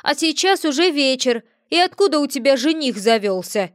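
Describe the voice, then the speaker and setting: A woman voicing a greedy, excitable male cat familiar who whines and protests loudly. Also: high-pitched, normal speed, no room sound, studio quality, pitched above the performer's own voice. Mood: grumbling. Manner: whiny, indignant, loud.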